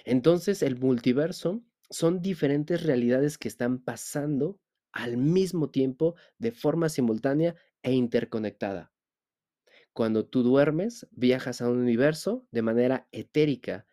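A man hosts a spiritual podcast in a mellow, warm voice. He talks straight to the listener and keeps posing rhetorical questions. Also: mid-range voice, a little slow. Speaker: podcast host.

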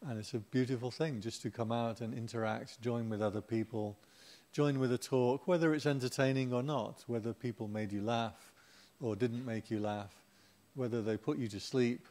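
A man's voice: medium pitch, steady tone, normal speed, darkish tone. A middle-aged man giving an informal Dharma talk as a Buddhist teacher, chatty and humorous, with playful asides to the audience.

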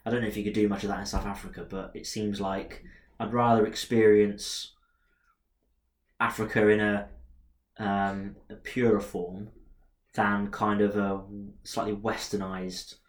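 A man's voice: lowish voice, flat delivery, a little slow. A man chatting casually on a podcast, hesitant and rambling, with lots of restarts. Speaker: co-host. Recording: roomy echo.

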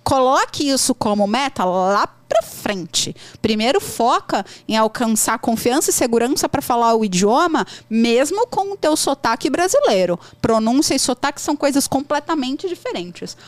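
A Brazilian woman speaks English with a Brazilian Portuguese accent in a high voice, at a moderate pace and hardly pausing, with no echo. She gives casual, conversational advice on learning English through animated stories full of emphatic repetition.

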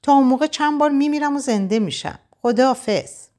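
A woman voicing a lively, teasing young woman friend on the phone in an audiobook. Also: sits high, voice pushed up, natural voice.

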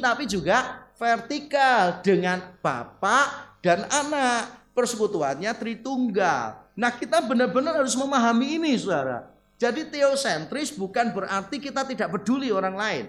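A man's voice: extremely high pitch, a bit bright. A male pastor preaching a sermon, telling stories with quoted dialogue and laughing, addressing the congregation directly. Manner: addresses listeners as "saudara".

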